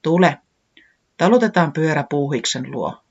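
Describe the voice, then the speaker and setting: A gentle, steady forest friend, voiced by a storyteller who soothes and reasons softly, with a lively rise and fall in the voice. The sound is muffled and lo-fi, like a storybook cassette. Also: mid-range voice, breathy edge. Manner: soothing, thoughtful. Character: calm caring forest friend, kind and steady.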